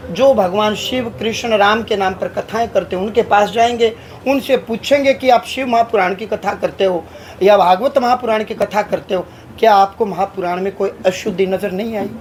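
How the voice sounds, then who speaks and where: A man's voice: high-pitched, normal speed, slight background noise, low-quality recording. A man, a religious leader from Haryana, giving a press statement in a declamatory way, stringing long rhetorical lists. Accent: Haryanvi Hindi.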